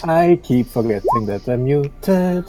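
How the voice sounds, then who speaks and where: A man's voice: on the high side, expressive, slow pace, music in the background. A man chatting casually as a player in a tabletop role-playing game.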